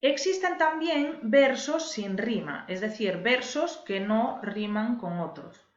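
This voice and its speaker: A woman's voice: fairly high pitch, lively intonation, slow pace. A woman teacher, patiently explaining a lesson and stressing key words for her viewers. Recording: echoey room, dull lo-fi sound.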